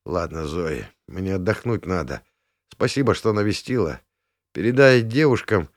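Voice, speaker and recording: A man reading an audiobook, voicing an injured young man in a hospital bed who speaks quietly and wearily. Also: deep voice, animated, normal speed, no echo. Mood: tired. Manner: quiet, tired, dry. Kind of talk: audiobook character voice.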